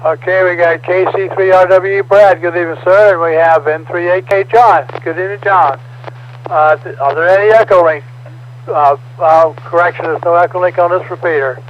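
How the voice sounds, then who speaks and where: Guy running a ham radio net, highish voice, kinda halting, dull radio sound with some static. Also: fairly even intonation. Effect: transmitted over ham radio. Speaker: amateur radio net controller. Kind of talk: procedural radio net announcements. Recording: noisy, band-limited ham radio transmission.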